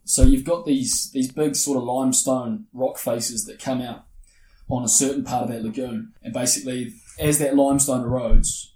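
An interview guest who spear fishes and works as an underwater cameraman chats casually in a broad New Zealand accent, laid-back, slangy and matey. His warm, medium-pitched voice is fairly even at a normal speed. The recording has a roomy echo, faint noise and clicks.

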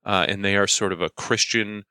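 Bright, low-pitched male podcast host. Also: fairly even intonation, a little fast, clean tone, dry recording, studio quality. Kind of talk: casual chat, anecdotes.

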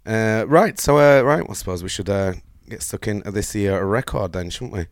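A man's voice: fairly low pitch, normal speed, dry recording. A man, co-hosting a casual podcast chat and reading through his notes with lots of fillers. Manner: rambling, reads notes aloud with fillers. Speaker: podcast co-host.

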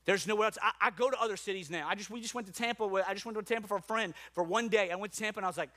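A man's voice: high voice, rapid-fire, sharp tone. A man from New Orleans preaching a sermon as a pastor, with rhetorical questions and repetition. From New Orleans, USA.

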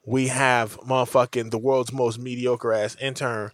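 A man's voice: medium pitch, little pitch movement, unhurried, no echo, clean studio sound. A man hosting a podcast in a casual comedic way, swearing freely and repeating phrases for emphasis. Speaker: podcast host.

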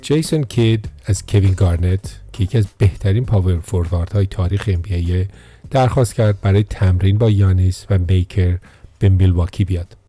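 A man narrating a sports biography as a steady, scripted storyteller. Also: deep voice, no room sound.

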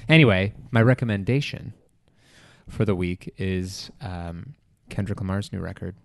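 Rambling, profane man with a lowish voice. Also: normal speed, vocal fry, no room sound, clean studio sound. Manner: rambling, profane, lots of fillers and restarts. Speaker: podcast co-host. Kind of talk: casual chat.

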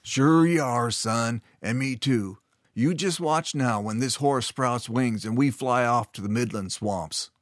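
A weathered older horseman with a gravelly, flat voice that gives away little feeling, as a male storyteller puts him on. He talks in a dry, stony way with a hint of dry humor under it. The recording is close and dry, with no room sound. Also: medium pitch, measured pace, no room sound, close to an everyday voice. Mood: teasing. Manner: flat, expressionless delivery. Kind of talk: storybook narration.

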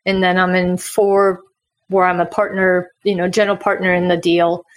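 Her voice sits fairly low, with little pitch movement and a moderate pace. She is a Swedish-born real estate investor who came to the US at nine, and as a podcast guest she answers interview questions in a relaxed, explanatory way.

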